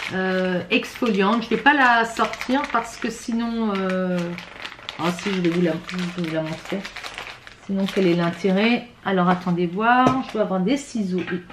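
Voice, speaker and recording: A woman's voice: mid-range voice, roomy sound, background noise. A woman vlogger chatting casually through a beauty box unboxing, hesitant and full of fillers and restarts, with a slightly rattly voice. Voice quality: self-described rattly voice.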